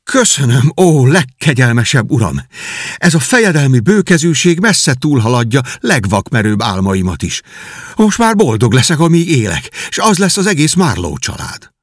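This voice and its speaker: A man's voice: medium pitch, very animated, no room sound, clean studio sound, pitched above the performer's own voice. Man voicing a humble young whipping boy. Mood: overjoyed. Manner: earnest and imploring.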